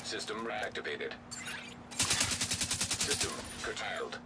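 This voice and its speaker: A man voicing a male in-game computer system that announces its status in flat, clipped phrases, with a metallic robotic filter. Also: lowish voice, slow pace, creaky, very noisy, full character voice. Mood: cold. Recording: loud gunfire mixed over the voice.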